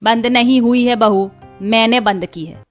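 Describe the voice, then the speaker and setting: A woman plays a penny-pinching cartoon mother-in-law with a high voice who scolds the family sharply and lays down the rules. She sounds bossy and stern, never soft. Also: measured pace, faint music behind, lightly acted. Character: stingy scolding middle-aged mother-in-law. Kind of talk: cartoon voice acting.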